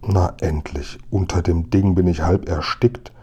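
A man's voice: deep voice, fairly even intonation, unhurried, dark tone, breathy edge, heavily acted. A man voicing a grumpy village police sergeant who grumbles and growls in indignation. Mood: grumbling.

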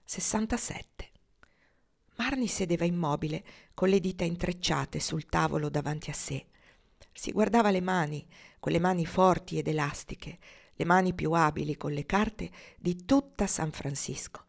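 A woman reading a novel aloud in calm, measured scripted narration. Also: fairly low pitch, creaky. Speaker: audiobook reader.

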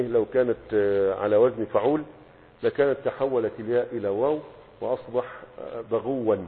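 A man's voice: medium pitch, husky. A man with an Egyptian accent, a sheikh teaching a lesson on Arabic morphology. He explains a text, poses rhetorical questions and keeps checking that the class follows. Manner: asks rhetorical questions and checks understanding with "okay?". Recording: tinny lo-fi sound with long reverb.

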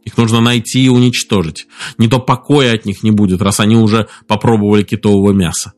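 A man narrating an audiobook in a steady, measured storytelling voice. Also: lowish voice, soft background music.

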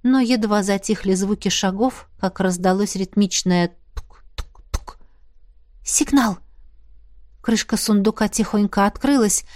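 A woman narrating a first-person fantasy audiobook in an expressive, breathless way. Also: mid-range voice, dry recording, clean studio sound. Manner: expressive, breathless in tense moments.

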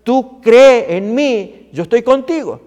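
Brief: preacher playing a calm, slow Jesus who comforts a frightened father. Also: very high-pitched, big-room sound, voice pushed up, exaggerated voice. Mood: reassuring. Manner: slow, deliberate, comforting commands.

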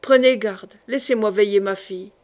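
A woman's voice: medium pitch, moderate pace, a little mellow, natural voice. A woman reading the part of a desperate, grieving noble mother in an audiobook, pleading and fierce.

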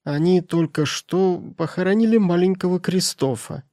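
A spiteful, gossiping old housekeeper, put on by a man, needling slyly in a raised, thin voice. The tone stays dark underneath and the recording is dry. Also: sits high, normal speed, dry recording, voice pushed up. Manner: sly and needling.

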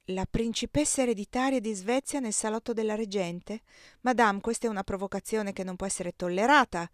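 A woman voicing a hot-tempered, insinuating man in an audiobook, speaking raised and forceful. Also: mid-range voice, brisk, dry recording, studio quality, natural voice. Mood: outraged.

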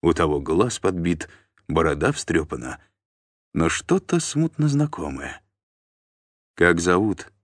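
Man, audiobook narrator, deep voice, dry close recording. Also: a little slow, no room sound. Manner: expressive storytelling.

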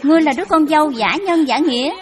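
A woman voicing a bitter, harsh older mother-in-law who scolds in shrill, cutting bursts. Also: fast talker, lightly acted. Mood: cold, scornful.

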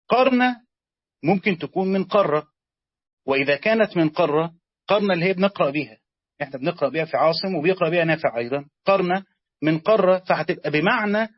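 A man with an Egyptian accent teaching a lesson, explaining slowly, repeating words and quizzing his students. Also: a little high, slightly rough, no echo. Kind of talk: classroom lesson on Quranic grammar. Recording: dull lo-fi sound, dry.

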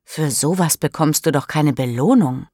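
A woman reading a storybook, voicing an emotional teenage girl who cries out high and loud. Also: normal speed, breathy edge, dry recording, clean studio sound. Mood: indignant.

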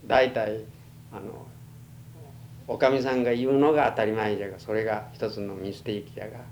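An elderly man from Japan with a western Japanese Chugoku accent, reminiscing in a halting, plain-spoken way in an oral history interview. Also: fairly low pitch, fairly even intonation, a little mellow. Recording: noisy archival tape with hum.

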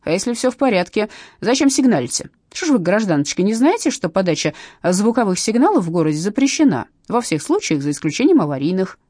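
A woman's voice: medium pitch, very animated, fast, dark tone, no room sound, studio quality. A woman voicing an officious male traffic police sergeant who lectures in a formal way.

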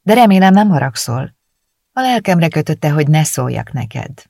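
A woman's voice: deep voice, very animated, creaky, warm tone, no room sound, studio quality, voice pushed up, exaggerated voice. A woman reading an audiobook voices a chatty female friend who is apologetic at first, then blunt and outspoken. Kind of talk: audiobook character voice.

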